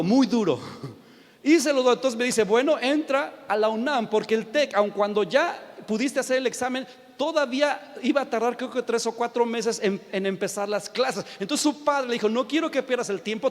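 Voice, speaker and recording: A man preaching a sermon as a story, swinging between loud emphatic outbursts and hushed, intimate retelling. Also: extremely high pitch. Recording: long hall reverb.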